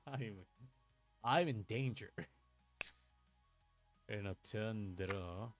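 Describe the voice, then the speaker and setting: A young Puerto Rican man with a fairly low voice chats loosely while livestreaming an online card game, thinking out loud and muttering curses at his own moves. His pitch swings widely and he stretches out his words. Soft music runs underneath.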